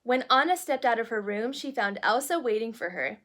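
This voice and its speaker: With a bit of brightness and lively intonation, a woman's fairly quick, high-side voice brings a children's storybook to life as she plays a princess. She slips in little asides for the young audience.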